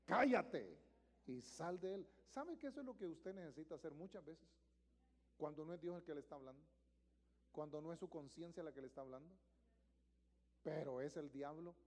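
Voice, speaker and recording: Male pastor, live church sermon, emphatic repetitive preaching, high voice, long hall reverb. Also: animated, fairly quick, long pauses. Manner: emphatic, repetitive preaching that swells to loud exclamations. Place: church sanctuary.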